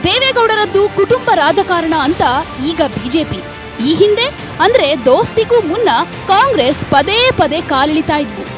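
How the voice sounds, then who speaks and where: A woman reporter with a Kannada accent delivers a punchy, dramatic news voice-over in a very high voice. Clear background music plays under her reading. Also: big pitch swings, normal speed.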